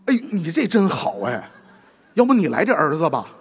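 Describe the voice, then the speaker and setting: A man's voice: on the high side, very animated, normal speed. A man performing stage crosstalk comedy as the clowning partner, giggly and stammering. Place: theater stage.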